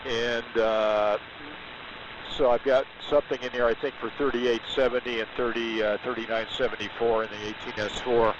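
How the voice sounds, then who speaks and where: A man in his sixties, heard over AM radio with static hiss, chatting in a rambling, technical way with many pauses. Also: medium pitch, flat delivery, dull audio. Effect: received over AM radio, with static hiss. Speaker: amateur radio operator checking in. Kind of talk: casual on-air chat. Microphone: radio transmitter with carbon mic.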